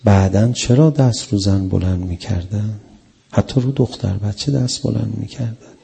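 A man's voice: on the low side, vocal fry, mellow, husky. A male preacher delivering a mourning sermon, telling the story with emotion and acting out the quotes.

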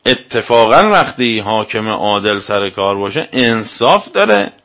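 A man's voice: lowish voice, big pitch swings, pushed and bright. A male cleric giving a religious lecture to a live audience, arguing his point and firing off rhetorical questions. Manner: argumentative, fires rhetorical questions.

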